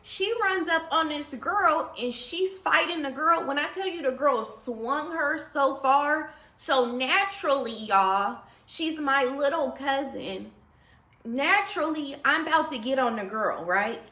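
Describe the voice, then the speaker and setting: Chatty young woman with a bright, echoey voice. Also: high-pitched, unhurried. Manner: chatty, addresses viewers as y'all. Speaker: storyteller vlogger. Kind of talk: casual storytime vlog.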